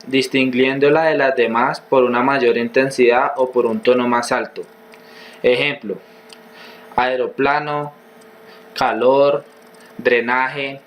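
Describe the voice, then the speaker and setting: A man reads grammar rules and examples aloud at a medium pitch. His delivery is steady and list-like, with an occasional filler. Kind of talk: reading a grammar lesson aloud.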